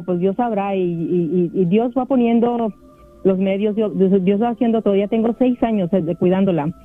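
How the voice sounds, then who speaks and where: An older woman calling in over a poor-quality phone connection, speaking earnestly and haltingly, with frequent restarts. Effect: poor-connection phone line. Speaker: caller. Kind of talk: call-in phone chat. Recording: tinny, low-quality phone line.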